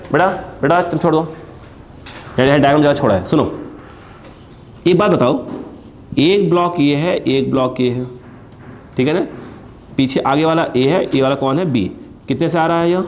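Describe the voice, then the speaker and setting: A fairly high-voiced man lecturing on physics to a live class. He drags out key terms and keeps throwing questions at the students. A faint hum of room ambience sits behind him. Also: a little mellow. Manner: questioning students constantly, stretching key words. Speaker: physics teacher.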